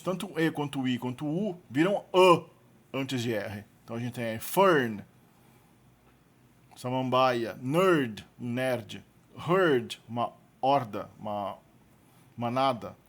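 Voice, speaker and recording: A man with a Brazilian Portuguese accent teaching a recorded lesson, explaining slowly and deliberately and repeating each example word. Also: medium pitch, lively intonation. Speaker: language teacher.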